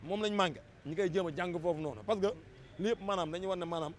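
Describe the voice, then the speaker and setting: On a crowded city street, a Senegalese football fan with a high-pitched voice and quick pace gives an interviewer a fervent, emphatic opinion, repeating his words often. Street noise and passing traffic come through on the handheld mic.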